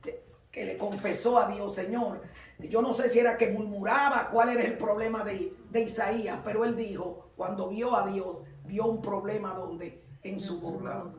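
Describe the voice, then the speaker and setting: A man preaching a sermon in a church, fervent and emphatic, rising at times to shouts. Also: high voice, steady tone, moderate pace, a little hiss or hum. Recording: roomy, from far off the mic.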